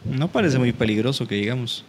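Man, casual chat, mid pitch, dry jokes. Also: lively intonation, a little fast, a little hiss or hum.

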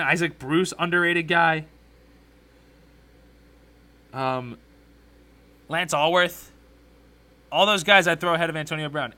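Bright-voiced man ranting about sports. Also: high-pitched. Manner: opinionated, rambling, conversational. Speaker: podcast host. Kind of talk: casual sports talk commentary.

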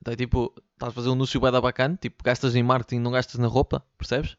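A man with a medium-pitched, level voice and a Lisbon Portuguese accent talks rapid-fire on his own podcast from his bedroom. He rambles and jokes in a casual solo rant full of Lisbon slang and swearing. The audio is dull with no room sound, captured on a studio mic that is sometimes off-axis.

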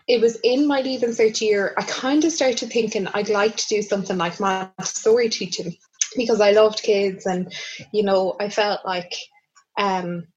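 A woman's voice: medium pitch, muffled recording. A young Irish woman, a guest researcher in a casual interview, talking candidly and reflectively, her voice from a video call re-recorded through a speaker.

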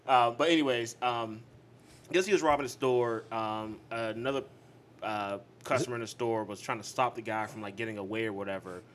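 A man's voice: mid-range voice, steady tone, fairly quick, fairly bright tone, slight background noise. A young man co-hosting a casual podcast, swearing freely and laughing through his stories. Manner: profane, laughing storyteller. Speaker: podcast co-host.

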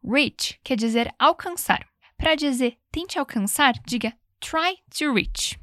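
A woman teaching English, explaining phrases and leading repetition drills, saying the English examples slowly and clearly. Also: high-pitched, lively intonation, a bit bright, dry recording, studio quality. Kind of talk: language lesson with repetition drills.

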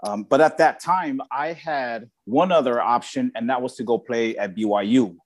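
A young man from Samoa, once a college baseball player, tells his story in an interview. His mid-range voice moves at a normal speed, but he is hesitant, with many fillers, restarts, and repeated words.

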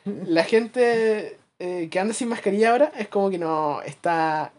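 A man with a Chilean accent chatting casually as a podcast co-host, acting out his anecdotes with lively asides. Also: sits high, a little slow. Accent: Chilean Spanish. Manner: animated storyteller, acts out anecdotes, laughs at his own jokes. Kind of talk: casual chat.

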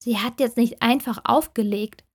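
A woman hosting a book podcast, reading a novel excerpt aloud in a steady, clear way. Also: fairly high pitch, moderate pace. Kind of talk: audiobook reading and podcast outro.

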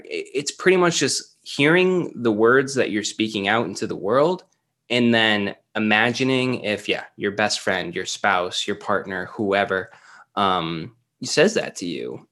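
Lower-voiced man, hesitant and rambling. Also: lively intonation, measured pace, fairly bright tone. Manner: hesitant, many fillers and restarts. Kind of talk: casual conversation.

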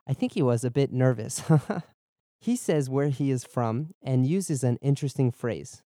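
Expressive and warm in the mid-range, a young man raised in Boston after being born in Germany teaches Japanese and English phrases on a podcast. He explains clearly and deliberately, slowing for repetition drills, and the audio has no echo.

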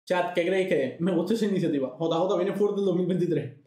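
A man's voice: sits high, fast, dark tone, echoey room. A man from Spain co-hosting a streamed talk show, teasing the others and talking to the chat. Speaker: podcast co-host. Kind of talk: casual banter with a streaming chat.

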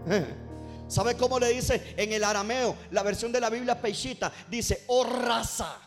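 A man preaching a sermon in a strikingly high voice. He calls out to his congregation and has them repeat after him, drawing out key words for emphasis. Faint music plays behind him. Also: fairly even intonation, moderate pace. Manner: preaching with call-and-response to the congregation. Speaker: pastor.

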